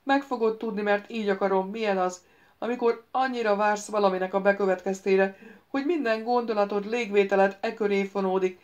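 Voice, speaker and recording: A woman's voice: mid-range voice, close to an everyday voice. A woman voicing a petulant, scheming male ghost wizard who keeps pleading and bargaining, on a dull lo-fi audiobook recording.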